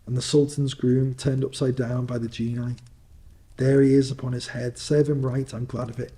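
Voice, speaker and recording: A man's voice: mid-range voice, steady tone, normal speed, dark tone, close to an everyday voice. A man voicing an old miser with childlike feeling, exclaiming and repeating himself, in storybook fireside storytelling. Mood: excited. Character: old miser, childlike in excitement and wistful regret. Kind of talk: fireside storytelling, acted dialogue.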